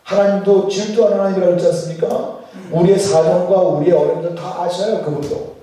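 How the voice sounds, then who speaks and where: A man's voice: high voice, steady tone, fast talker, dark tone. A male pastor giving a sermon at a church retreat, asking the congregation questions and leading them in reading scripture aloud. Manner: questions the congregation and leads group Bible reading. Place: large room with strong echo. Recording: echoey hall, voice from far off.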